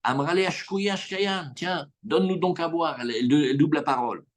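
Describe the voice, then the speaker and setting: A man's voice: a little high, fairly quick. A man teaching a live Talmud class to students, acting out the characters' lines as he explains. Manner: animated, acts out the characters' lines.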